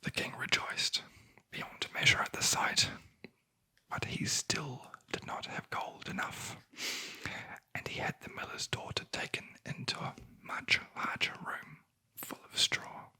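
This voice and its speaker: A sleep story narrator whispering a fairy tale in a breathy ASMR voice, with dry, wry asides. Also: unhurried, poor audio. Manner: wry, deadpan commenting on the story.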